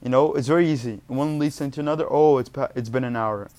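Here a young man with a warm, mid-range voice talks fast while giving study tips in a casual vlog. Portuguese is his first language; as a student vlogger he rambles, chats, and often catches and corrects himself mid-word.

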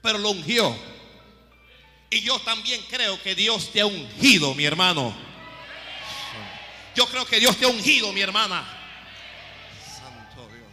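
Fiery, bright-voiced preacher in a hall. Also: male voice, animated, a little slow, long pauses. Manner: swings from low murmurs to shouted praise. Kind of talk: impassioned sermon. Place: church hall. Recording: long hall reverb, faint music.

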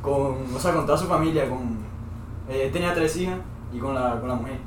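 A man telling a story in casual podcast chat, halting and rambling, full of slang. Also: medium pitch. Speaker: podcast co-host. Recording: echoey room, distant mic, noisy.

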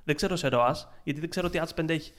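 A man chatting casually on a podcast, retelling his freelance work in an excitable way with many restarts. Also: a little high. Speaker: podcast co-host, freelance ads marketer.

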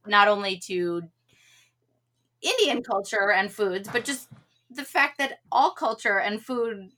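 A young woman from New England chats in a loose, easy way, with lots of "like." Her voice is bright and sharp at a middle pitch. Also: animated, takes it slowly, a little hiss or hum. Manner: chatty, full of "like" and laughs. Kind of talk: casual chat.

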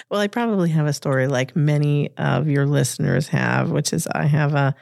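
A woman from Massachusetts with a Boston accent speaks as an interview guest, giving considered answers. Her voice has a noticeable gravelly fry, and the sound is dry and close, without room echo. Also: low voice, animated, moderate pace, darkish tone. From Revere, Massachusetts, United States. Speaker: interview guest, corporate lawyer.

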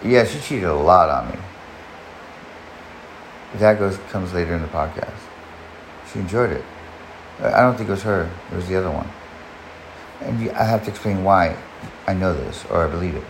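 A man's voice: sits low, lively intonation, normal speed, pauses often. Rambling man telling a story, roomy echo. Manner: rambling, profane, many restarts. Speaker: podcast host. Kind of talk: personal storytelling monologue. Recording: echoey room, faint background noise.

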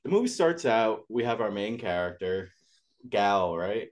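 A young man co-hosts a casual podcast in a fairly low voice. He talks in a relaxed, easygoing way and laughs often. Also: unhurried. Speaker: podcast co-host. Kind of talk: casual chat.

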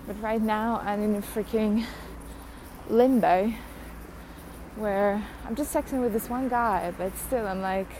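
A woman's voice: mid-range voice, steady tone, unhurried, a little mellow, a little hiss or hum. A young adult woman hosting a podcast, rambling through a casual solo rant, mocking herself and laughing often. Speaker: podcast host.

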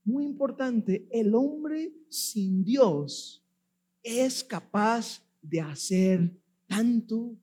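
A preacher giving an emphatic sermon, breaking into shouted stresses and filling pauses with "o sea". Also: mid-range voice, expressive, breathy edge.

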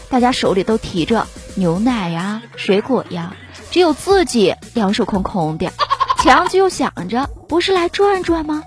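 A woman playfully narrating a string of short jokes. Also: mid-range voice. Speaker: joke teller. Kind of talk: storytelling jokes.

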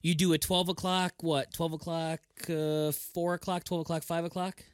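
A man with a fairly high voice, arguing his point with an emphatic, exasperated edge and lots of restarts. The recording is dry. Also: level tone, moderate pace, smooth, no room sound. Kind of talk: casual sports chat.

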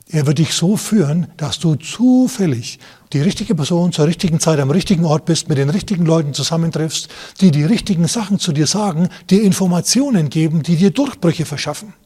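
A man's voice: fairly high pitch, a little mellow, breathy edge. A man, a pastor, preaching a sermon. He reads Bible verses aloud, explains them, and turns to his listeners directly with rhetorical questions and asides.

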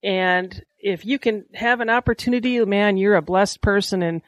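A woman's voice: medium pitch, normal speed, dry recording, poor audio. A woman hosting a casual outdoor podcast from a small cabin, talking in a chatty, folksy storytelling way. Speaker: podcast host. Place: small lakeside cabin, indoors.

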